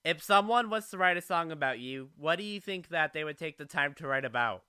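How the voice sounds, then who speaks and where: A man's voice: a little high, expressive, fairly quick, bright, forceful tone, clean tone, no echo, studio quality. A man hosting a radio show, asking guests polite, scripted questions. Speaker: radio host.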